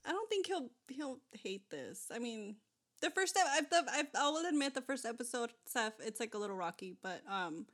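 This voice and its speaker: A woman's voice: on the high side, big pitch swings, normal speed, fairly bright tone. A young woman co-hosting a casual chat, rambling with lots of fillers and restarts.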